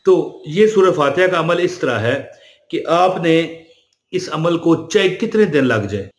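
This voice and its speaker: Religious speaker, male, slightly high voice, chatty, roomy echo. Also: lively intonation. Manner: chatty, addresses listeners with "ji" fillers. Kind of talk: casual spiritual talk to camera.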